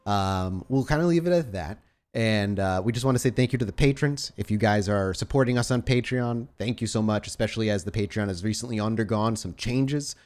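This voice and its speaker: A man with a fairly low, slightly mellow voice talks fairly quickly as a podcast host and game storyteller, keeping things informal. He starts with casual podcast chat and then shifts into slow narration of a scene for a role-playing game.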